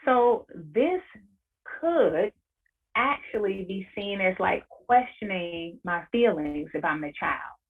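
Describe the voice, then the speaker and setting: A woman coaching parents in an online workshop, speaking in a measured, encouraging way and repeating key phrases. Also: mid-range voice, expressive, breathy edge. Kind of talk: webinar workshop presentation. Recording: tinny phone-like audio.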